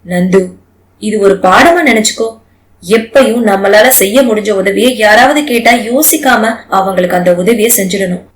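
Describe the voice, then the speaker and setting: A woman voicing a caring young husband who consoles his wife in a calm, gently lecturing way. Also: medium pitch, normal speed, echoey room, natural voice, rough recording. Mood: reassuring.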